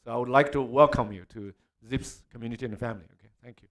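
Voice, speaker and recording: A man's voice: mid-range voice, fast. A man answering as a university representative, explaining and often checking in with tag words. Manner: explanatory, punctuated with frequent "okay". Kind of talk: spoken answer at a panel.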